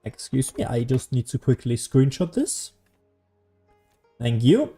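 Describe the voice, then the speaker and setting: A young male game streamer rambles through casual gameplay commentary, swearing and poking fun at himself. His mid-range voice is warm and sing-song, with a slightly slow pace. Faint game music plays behind him.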